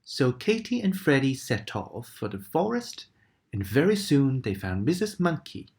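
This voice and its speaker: At a measured pace, a woman reads a bedtime story in a very low, emotionally varied voice. She's dramatic and expressive throughout, hushing to a whisper for the sorrowful parts.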